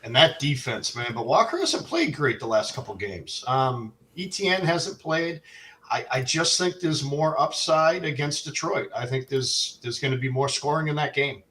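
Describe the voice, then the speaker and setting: A man with a Boston accent co-hosting a fantasy football show, chatting casually and adding quick tips. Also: medium pitch, lively intonation, pushed and bright. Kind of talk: casual sports chat.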